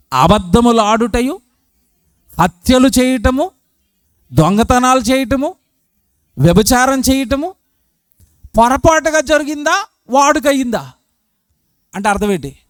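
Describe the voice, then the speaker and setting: Male preacher, high voice, dry close mic; emphatic, questions the crowd. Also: dry recording. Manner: emphatic, asks the crowd questions and acts out short quotes. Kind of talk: sermon.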